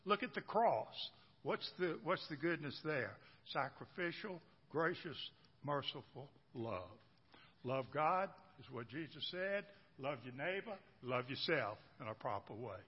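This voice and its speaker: A pastor preaches to his church in a folksy, repetitive style, repeating phrases and regularly asking the crowd questions. His voice is on the high side, animated and husky, at a measured pace. The recording sounds dull and echoey, like a church hall.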